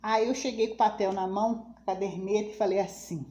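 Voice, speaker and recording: A middle-aged woman recounts her own hard life story in a personal testimony. Her voice is mellow and dark, turning pleading when she speaks of faith, and she acts out the words of the people in her tale. Faint background noise sits under the recording. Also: medium pitch, fairly even intonation, brisk. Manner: emotional, quotes others' speech, pleading religious tone.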